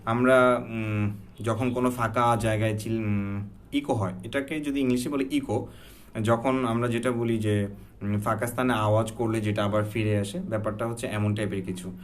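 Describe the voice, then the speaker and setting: A man teaching correct Quran recitation, who explains patiently and repeats each sound slowly to demonstrate it. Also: fairly low pitch, steady tone, a little hiss or hum. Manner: mixes English words into his talk. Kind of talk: explanatory lesson.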